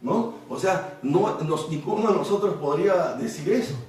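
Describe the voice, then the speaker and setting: With a high-pitched, darkish voice at a moderate pace, a man leads a Bible study as a pastor, unpacking the text at length. Rhetorical questions recur throughout, and the echoey room and far-off mic color the sound.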